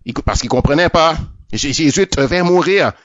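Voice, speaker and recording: Delivering a religious testimony, a man with a fairly high voice and lively intonation speaks plainly and without a script. He often stumbles, repeats words, and restarts haltingly. The recording is close and dry with no echo, giving it a dull, lo-fi quality.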